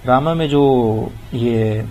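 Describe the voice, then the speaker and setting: Man w/ doing a grammar lecture, slow careful example sentences, bit of hiss behind. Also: mid-range voice, dark tone. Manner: explains in Urdu-leaning Hindi, reads English examples slowly and deliberately. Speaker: grammar teacher.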